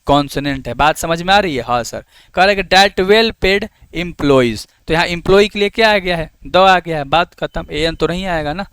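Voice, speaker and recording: Higher-pitched Indian male grammar teacher. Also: moderate pace, hardly any pauses, a bit bright, smooth, no room sound. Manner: asks and answers his own questions on students' behalf; coaxing, calls students "babu". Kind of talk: exam-prep grammar lesson.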